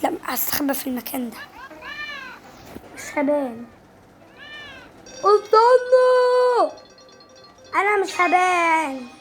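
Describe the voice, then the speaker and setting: A woman with an Egyptian Arabic accent giving casual, excitable gameplay commentary, breaking into sudden squealing exclamations. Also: sits high, moderate pace, long pauses, faint music behind. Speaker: gaming channel host.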